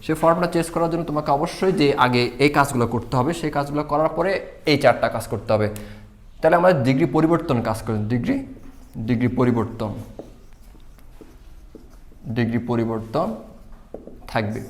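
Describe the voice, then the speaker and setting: Fast-talking male grammar teacher. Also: medium pitch. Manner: repetitive explaining, asks and answers own questions. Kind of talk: English grammar lesson.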